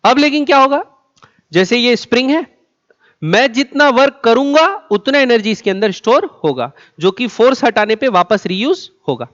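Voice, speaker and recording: A man's voice: extremely high pitch, expressive, normal speed, fairly bright tone. A man teaching a physics class, asking the students questions and answering them himself, stretching words out and repeating key terms. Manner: drags out words for emphasis. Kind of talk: classroom lecture. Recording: dull lo-fi sound.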